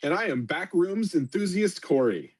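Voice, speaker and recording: A man's voice: high voice, big pitch swings, normal speed, slightly rough, dry recording. A man co-hosting a casual game recap, laid-back, laughing easily and chiming in with corrections. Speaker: co-host. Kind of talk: casual chat.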